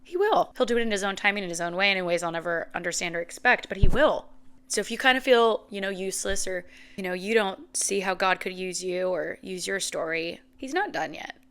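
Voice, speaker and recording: A woman in her thirties talks through a reflective faith podcast monologue. Her voice sits on the low side with a gravelly, fry-tinged texture. She speaks earnestly and heartfelt, filling pauses with "like" and "you know", and is close to tears. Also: steady tone, fairly bright tone. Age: 30s. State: emotional, near tears. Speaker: podcast host.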